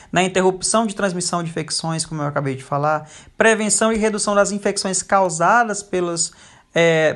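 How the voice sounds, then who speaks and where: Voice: medium pitch, fairly bright tone. Hesitant teacher with many fillers. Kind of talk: recorded lecture over slides.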